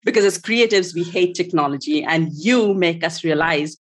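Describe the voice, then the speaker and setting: A woman's voice: lowish voice, normal speed. A woman hosting a podcast interview, introducing her guest with eager, effusive praise. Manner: enthusiastic, effusive. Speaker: podcast host.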